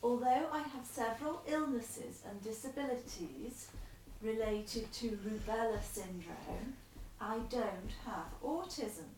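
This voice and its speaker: In an echoey room at home, a woman with a voice on the high side and a little mellow reads a letter aloud slowly, patiently coaxing and encouraging as a carer. She's far from the mic, with slight background noise, in this casual home video.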